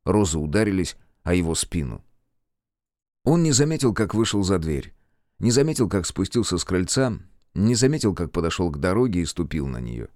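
A man narrating an audiobook with expressive storytelling. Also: sits low, moderate pace, no room sound, studio quality. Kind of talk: scripted narration.

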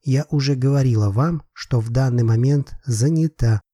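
A man's voice: medium pitch, normal speed, no room sound, close to an everyday voice. A man reading an audiobook voices a composed woman private detective who speaks politely and with dry irony. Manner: calm, polite, slightly ironic.

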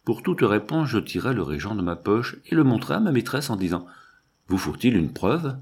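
Husky male audiobook narrator. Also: fairly low pitch. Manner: measured, expressive storytelling, slow at chapter headings. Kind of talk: scripted narration of a novel.

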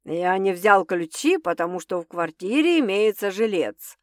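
A woman lightly acts out a wealthy man's lines, lowering her pitch a bit from her narrating voice. He comes across as calm, assured, measured and a touch condescending. The recording is dry and studio quality.

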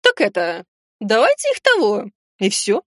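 A ruthless old grandmother with a brash, offhand way of talking, voiced by a man in a high put-on register. The reading is dry and close. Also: huge pitch swings, unhurried, a bit bright, no echo, full character voice. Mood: brash scheming. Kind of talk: audiobook character voice.

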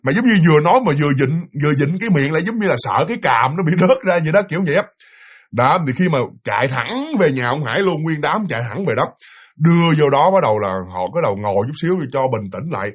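A man's voice: fairly high pitch, lively intonation, fast talker, slightly rough. A man telling a spooky story, acting out the voices of the people in it.

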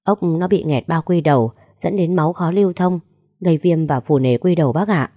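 A woman voicing a calm young woman doctor who explains things reassuringly. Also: low voice, normal speed, dry recording, studio quality.

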